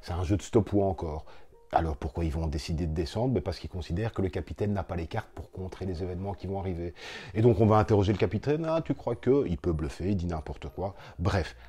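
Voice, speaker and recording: A man with a low, mellow voice talks through board games with lively enthusiasm. He sounds casual and playful as he explains the rules. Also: fast, husky. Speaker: board game reviewer co-host. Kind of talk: casual chat.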